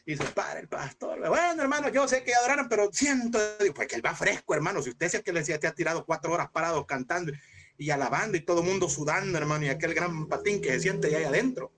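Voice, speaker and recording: A man teaching a Bible seminary class in a lively preaching style, asking rhetorical questions and acting out scenes in sudden high shouts. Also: fast talker. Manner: animated, mimics voices with sudden high shouts; addresses listeners as brother, rhetorical questions.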